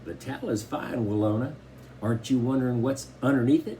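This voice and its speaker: A man's voice: mid-range voice, a little fast, warm tone, a little hiss or hum, lightly acted, low-quality recording. A man voicing a playful showman father who puts on a pompous salesman act, read for an audiobook. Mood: teasing. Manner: grand, pompous sales patter. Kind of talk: audiobook character voice.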